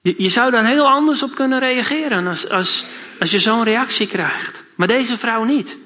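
A man preaching a sermon, his voice high and bright. He reads scripture aloud, then turns to plain talk, putting questions to his listeners. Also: moderate pace.

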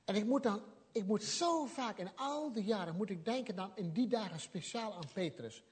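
A man's voice: high-pitched, expressive, moderate pace, breathy edge. A man preaching a sermon, telling the story with animation and acting out what people said.

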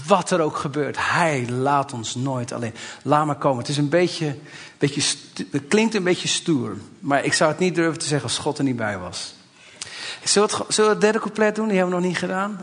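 A man's voice: on the high side, fairly bright tone. A man in his forties, a pastor, preaching a sermon in a church, speaking conversationally and building to emphatic exhortation. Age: 40s.

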